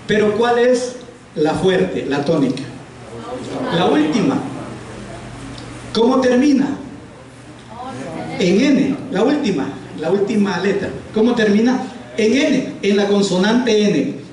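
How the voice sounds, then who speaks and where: High-voiced man teaching slowly in an echoey room. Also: darkish tone. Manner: patient, asks the class questions and repeats answers. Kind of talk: classroom grammar lesson. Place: classroom in a house of prayer. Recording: very echoey room, voice from a distance, faint hiss.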